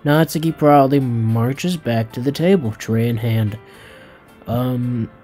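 A man's voice: medium pitch, takes it slowly, mellow, soft background music. A man hosting a let's play, reading a visual novel aloud with jokes, swearing and tripping over his words.

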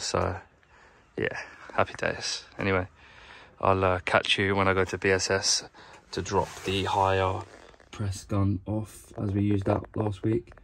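A young man with a low, gravelly voice chats in a flat, offhand ramble. He sounds like a tradesman filming himself on a handheld phone while sorting his van. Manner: chatty, rambling, low-key. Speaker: plumber vlogger. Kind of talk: casual vlog narration while working. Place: inside a work van, outdoors nearby. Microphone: handheld phone camera.

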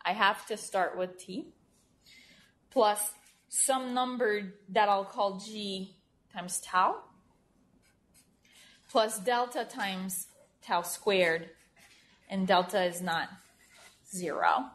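A woman's voice: medium pitch, extremely slow, pauses often, fairly bright tone. Woman lecturing, casual and self-correcting. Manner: informal, checks in with "right?", self-correcting. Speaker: mathematics lecturer. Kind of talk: university lecture at a board. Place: lecture room.

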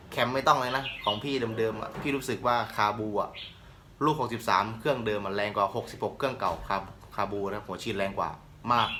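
A young man from Thailand with a slight northern Thai accent, a channel host casually answering viewers' questions in a relaxed, joking way. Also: mid-range voice, background noise. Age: young adult. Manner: relaxed, joking, laid-back. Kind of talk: casual Q&A chat.

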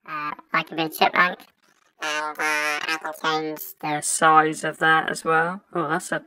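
A man voicing a little chipmunk through a pitch-shift effect, in an offhand demo manner. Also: flat delivery, measured pace, pushed and bright, rough recording. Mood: amused. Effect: high pitch-shift effect.

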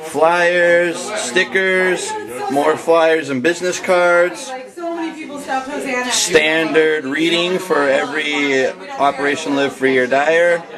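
A man's voice: fairly high pitch, steady tone, very slow. A man narrating his own camcorder tour of a holiday get-together in a house, listing what he sees in an upbeat way. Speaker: campaign volunteer filming the party. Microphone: handheld camcorder mic. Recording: party music and chatter behind.

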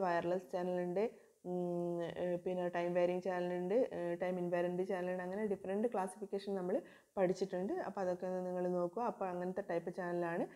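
A woman teaches a recorded class. Her voice is mellow and dark, and her pitch barely moves. She asks a question and answers it herself, again and again, the way a teacher talks a class through a topic. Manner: reads English definitions slowly. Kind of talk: video lecture.

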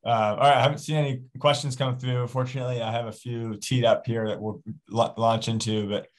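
A man's voice: mid-range voice, level tone, brisk. A man moderating an online open house over a video call, upbeat and guiding, with many fillers. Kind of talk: hosting a virtual event.

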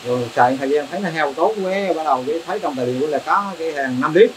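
Rattling along rapidly in a fairly high-pitched voice, a middle-aged shrimp farmer explains his methods plainly and matter-of-factly, wandering as he goes. The interview happens in an open farm shed, captured in a noisy outdoor recording.

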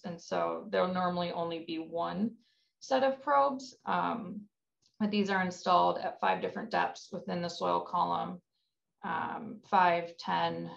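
A woman's voice: lowish voice, creaky. A woman researcher giving a conference presentation over a video call, explaining step by step with frequent ums and self-corrections. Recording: dull lo-fi webinar audio.

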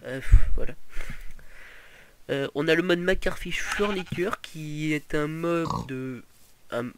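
A man's voice: on the high side, slow, background noise. A young man giving casual gameplay commentary, rambling with lots of fillers and restarts. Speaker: gaming video host.

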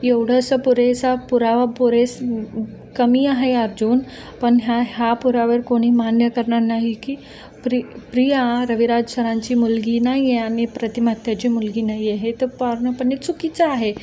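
A woman's voice: a little high, flat delivery, moderate pace, mellow, slight background noise, natural voice. A woman doing a scolding young wife. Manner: scolding, argumentative. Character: sharp young wife arguing like a lawyer.

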